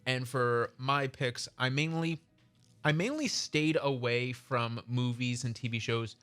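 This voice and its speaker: A man's voice: medium pitch, a little slow, fairly bright tone, clean tone, soft background music. A man co-hosting a podcast in casual chat, rambling and correcting himself as he goes. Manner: rambling, restarts, self-correcting. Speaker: podcast co-host.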